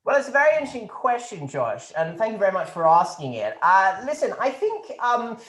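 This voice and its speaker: In a satirical press conference sketch, a man plays a smug, pompous, flippant posh government minister who rambles and stumbles while taking questions over a video call. His high voice is sing-song, brisk and fairly bright, in an echoey room.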